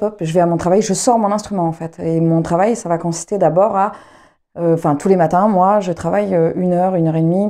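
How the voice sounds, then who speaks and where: Speaking to the camera in a relaxed, rambling way, this young adult from France keeps restarting and filling pauses. She is a knitting vlogger and trumpeter with a mellow, somewhat low voice.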